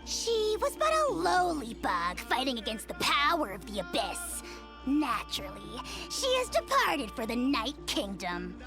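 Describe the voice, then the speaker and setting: Pompous little dragon lord. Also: female voice, high-pitched, huge pitch swings, a little slow, heavily acted. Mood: lordly. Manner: grandiose, imperious, cackling. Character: pompous tiny male dragon lord, haughty and bossy. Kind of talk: video game dialogue. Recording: game audio with loud music.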